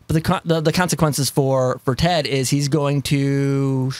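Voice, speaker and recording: A man hosting a casual movie podcast, talking animatedly with frequent swearing and quick laughs. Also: mid-range voice, little pitch movement, a little mellow, no room sound. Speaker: podcast host. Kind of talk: casual chat.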